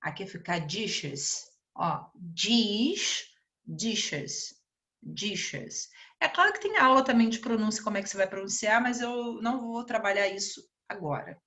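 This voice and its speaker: A Brazilian woman with a bright, forward voice teaches an online English grammar lesson at a slow, patient pace. She talks with a Brazilian Portuguese accent, repeats each example word and keeps checking in with "né?". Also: mid-range voice, animated. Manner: explains slowly, repeats words and asks "né?".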